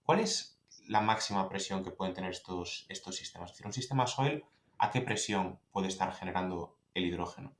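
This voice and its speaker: Low-voiced Spanish host in echoey room. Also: male voice, fairly quick. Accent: Spain Spanish. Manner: long winding questions with restarts. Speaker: podcast host. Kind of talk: interview questions.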